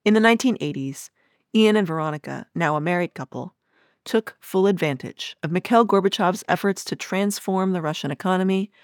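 A woman host reading a scripted podcast narration in a measured, even manner. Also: on the low side, dry recording, clean studio sound.

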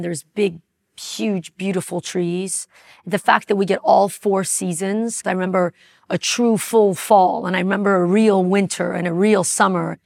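A woman in her forties from Iran, recounting her life story in a reflective, unhurried way. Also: lowish voice, creaky. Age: 40s. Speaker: interview guest. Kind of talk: personal storytelling.

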